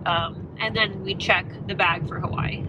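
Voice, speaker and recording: A woman's voice: fairly low pitch, fairly even intonation, normal speed, lo-fi sound, heavy background noise. A young woman in her twenties, stuffy and congested, chatting casually to camera with lots of fillers. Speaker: vlogger. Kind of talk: casual vlog chat.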